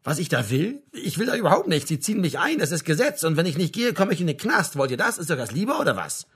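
A man's voice: on the high side, sing-song, quick pace, a bit bright, breathy edge, pitched above the performer's own voice, exaggerated voice. A man reading an audiobook, voicing a frustrated young man in an exasperated, sarcastic tone.

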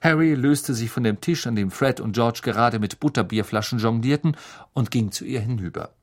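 A man reading a children's novel aloud as an audiobook narrator, measured and expressive. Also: mid-range voice. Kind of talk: scripted narration.

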